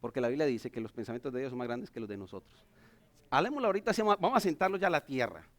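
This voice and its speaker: A man, a pastor, preaching a church sermon, swinging between loud emphatic lines and low quiet asides. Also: expressive, fast talker.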